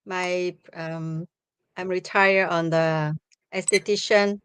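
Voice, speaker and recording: A woman, hosting a live stream from home over a video call, speaking haltingly with many restarts. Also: on the low side, steady tone, a bit bright, clean tone, dry recording. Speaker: host. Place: home room with bookshelves. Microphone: webcam on video call.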